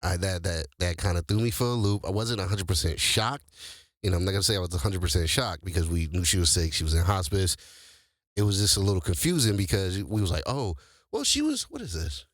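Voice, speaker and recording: A man in his forties, hosting and telling life stories in a relaxed, slangy way, laughing often as he goes. His pitch swings widely from low to high, and the sound is dry and close with no room around it. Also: fairly quick, no room sound. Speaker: host. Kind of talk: casual storytelling to an audience.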